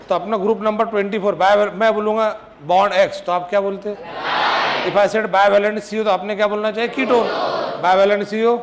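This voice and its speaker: Male coaching teacher, high voice, drills and teases a class, noisy room. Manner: drills students, chants formulas, teasing scolds. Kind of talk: classroom lecture.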